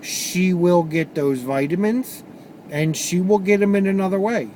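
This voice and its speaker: A man telling a personal story in a candid, halting way. He often repeats words as he gathers his thoughts and swears bluntly. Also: high-pitched, darkish tone, slight background noise. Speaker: vlogger sharing personal stories.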